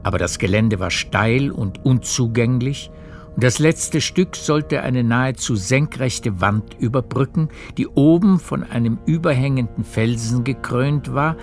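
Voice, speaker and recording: A calm storyteller's narration of a literary radio play, performed by a male actor at medium pitch. The voice is gravelly and the delivery measured and precise.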